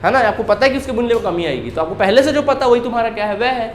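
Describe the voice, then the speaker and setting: A man's voice: very high-pitched, animated, racing, reverberant, a little hiss or hum. A male accountancy teacher giving a classroom lecture, firing questions at students and answering them himself, repeating key terms.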